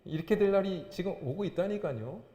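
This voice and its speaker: A man's voice: sits high, lively intonation, brisk, dark tone. A man, a pastor, preaching a sermon with emphatic, rising and falling delivery. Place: church sanctuary. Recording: echoey church hall.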